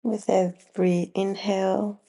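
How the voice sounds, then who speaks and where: Very slow short phrases, each followed by a long pause, carry this woman's guided relaxation as a yoga nidra teacher. Her mid-range voice is mellow and soft-edged, with level tone and noticeable vocal fry.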